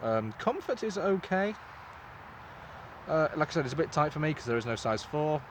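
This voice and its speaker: A man's voice: a little high, sing-song, moderate pace. Casual man reviewing, faint background noise. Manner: informal, sweary. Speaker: host reviewing gas masks.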